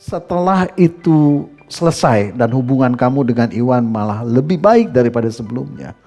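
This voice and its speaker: A man hosting a church talk show and gently questioning a guest. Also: mid-range voice, lively intonation, moderate pace, faint music behind. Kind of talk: interviewing a guest.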